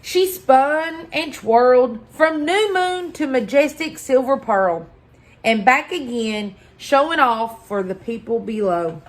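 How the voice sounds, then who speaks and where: A woman reading a children's picture book aloud as a story-time host, deliberate and expressive, pausing for effect. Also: high voice. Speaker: library story-time reader.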